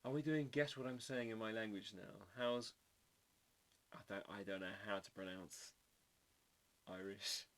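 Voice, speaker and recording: A man's voice: lowish voice, unhurried, pauses often, fairly bright tone. A man hosting a live drawing stream, chatting casually and playfully while trying out foreign words. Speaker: livestream artist host.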